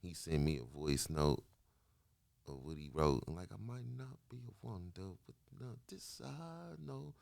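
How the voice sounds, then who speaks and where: Man, late thirties, extremely low voice, dry recording, slangy, repeats himself, animated. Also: measured pace, vocal fry, dry recording. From Kansas City. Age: 30s. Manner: slangy, repetitive, animated storytelling. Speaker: guest musician. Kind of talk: casual interview chat.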